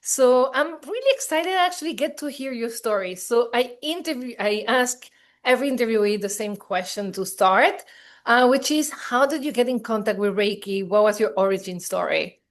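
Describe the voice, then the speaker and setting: A woman's voice: fairly high pitch, lively intonation, moderate pace. A woman hosting an interview podcast, introducing her guest with enthusiasm. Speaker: podcast host.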